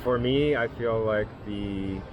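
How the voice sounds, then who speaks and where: A middle-aged man from the USA talking as a guest in a casual discussion, hesitant with many pauses and restarts. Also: lowish voice, lo-fi sound. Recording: outdoor traffic noise.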